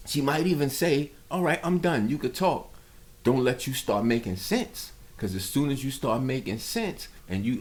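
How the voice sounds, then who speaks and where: A man commenting on clips in a casual, emphatic way, his pitch leaping up and down as he makes his point. His talk is preachy and animated, with a mid-range voice. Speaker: reaction video host.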